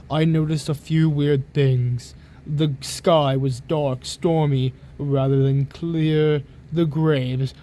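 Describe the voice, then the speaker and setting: Theatrical man narrating, mellow, slightly high voice. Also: a little hiss or hum. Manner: theatrical, with drawn-out emphasis. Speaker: narrator reading a creepypasta aloud. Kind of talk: dramatic reading of a horror story.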